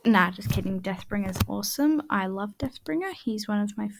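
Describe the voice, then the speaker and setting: A woman's voice: mid-range voice, lively intonation, moderate pace, gravelly, a little hiss or hum. A woman chatting casually in a voice-over while she draws, rambling and often dropping to a half-whisper. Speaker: art channel creator.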